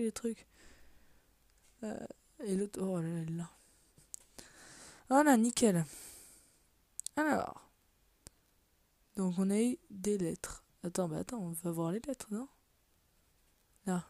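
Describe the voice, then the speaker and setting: She's a gaming video creator doing laid-back let's play commentary on a puzzle game: muttering, casually cursing, often slipping into a half-whisper. The voice is mid-range and dark, in a dry recording.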